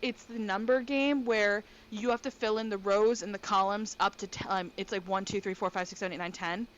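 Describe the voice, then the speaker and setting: A woman co-hosting a casual podcast chat from her bedroom, talking quickly and excitably. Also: mid-range voice. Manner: fast, excitable talker. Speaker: podcast co-host. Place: bedroom at home. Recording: dull lo-fi with faint noise.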